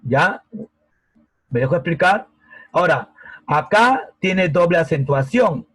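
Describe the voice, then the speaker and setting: Slow-talking man teaching a grammar class. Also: on the high side, expressive, a bit bright, breathy edge, no room sound, low-quality recording. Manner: slow, patient, checks in with the class often. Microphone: laptop mic on a video call.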